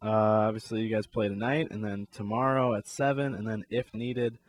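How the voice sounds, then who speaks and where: A man's voice: on the low side, steady tone, brisk, dry recording. A man co-hosting a sports talk show, casually recounting a game in detail with easy laughs. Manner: laid-back, recounts plays in detail with laughs. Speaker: co-host.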